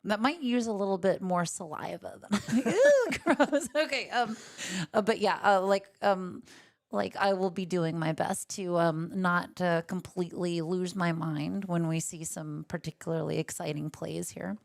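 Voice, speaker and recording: In an empty gaming room at a cafe, a woman co-commentates a card game tournament in a chatty, joking style loaded with fillers. Her voice is lowish and gravelly, with fairly even intonation and a moderate pace.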